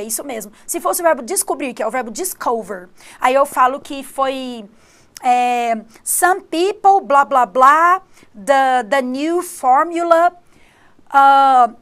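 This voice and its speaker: Woman, English teacher, native Portuguese speaker, high pitch, lively live-stream lesson, slow clear English examples.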